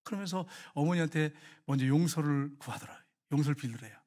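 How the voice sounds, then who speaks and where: A male pastor with a Gyeongsang accent preaching a sermon. He tells a story full of rhetorical questions and swings from hushed asides to emphatic declarations. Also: a little high, fast. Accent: Gyeongsang Korean. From Gyeongsang region, Korea.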